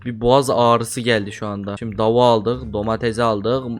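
A man hosting a casual horror gameplay session with friends, easily frightened and calling out loudly. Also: fairly low pitch, flat delivery, brisk. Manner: jumpy and easily frightened, calls out loud. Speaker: gaming channel host.

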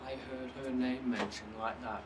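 A man's voice: medium pitch, fairly even intonation, moderate pace, background noise. A man on a paranormal investigation, talking tensely about the voices he has heard. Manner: tense, reporting what he heard. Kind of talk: unscripted ghost-hunting chatter.

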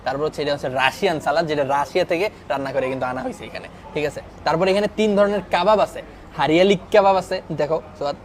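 A young man hosting a food review vlog in a restaurant, talking excitedly and emphatically, often asking "okay?". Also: fairly high pitch, rapid-fire. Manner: excited, emphatic, keeps asking "ঠিক আছে?". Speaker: food vlogger. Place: restaurant dining room.

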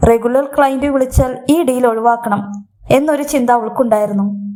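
A woman narrating a scripted story in a steady, measured reading. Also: high-pitched.

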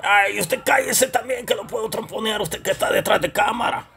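A man's voice: sits high, vocal fry, sharp tone, breathy edge, faint music behind, pitched above the performer's own voice, heavily acted. A man doing a hot-tempered gorilla comic. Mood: scolding. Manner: quick-tempered, threatening, indignant. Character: touchy loudmouthed male gorilla comedian.

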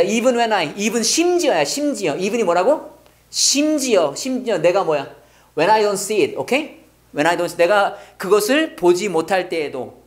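A teacher giving a lively English lesson built on a worship song, asking questions and answering them himself. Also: medium pitch.

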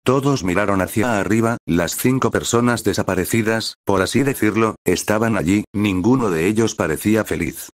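A man reading a fan story aloud in a flat, steady way, stumbling now and then. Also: lowish voice, normal speed, few pauses, no room sound, studio quality. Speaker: reader of fan fiction.

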